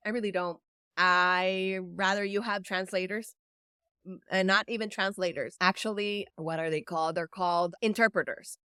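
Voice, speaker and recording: An event producer from El Salvador, a native Spanish speaker, gives an earnest, encouraging motivational talk straight to camera, stretching words for emphasis. Her voice is on the low side, clear and resonant with a sharp tone, fairly even intonation, and a moderate pace. The recording is dry, with clean studio sound.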